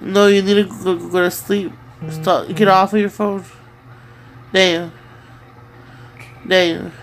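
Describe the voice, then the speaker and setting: A woman's voice: medium pitch, little pitch movement, takes it slowly, faint music behind. A woman in casual chat, teasingly prodding a sleep-talking partner with repeated questions. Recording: noisy home recording.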